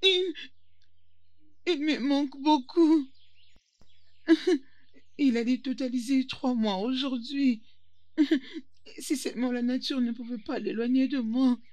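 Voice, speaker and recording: A woman's voice: sits high, takes it slowly, pauses often, darkish tone, no room sound. A woman dubbing a sorrowful young mother in a French film dub, mournful in tone. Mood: grieving.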